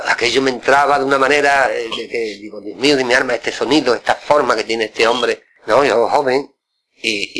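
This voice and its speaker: A man's voice: mid-range voice, bright, forceful tone. An older man, a flamenco guitarist, reminiscing casually in an interview, rambling and repeating words with many tag questions.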